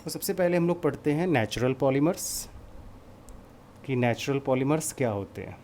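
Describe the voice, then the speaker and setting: A man's voice: mid-range voice, lively intonation, moderate pace, a little mellow. A male chemistry teacher with a mid-range voice talks through a lesson step by step. He keeps putting questions to the class and then answering them himself. A faint hiss of background noise sits under his voice. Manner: explains step by step, asks and answers own questions, mixes in English terms. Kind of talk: classroom lecture.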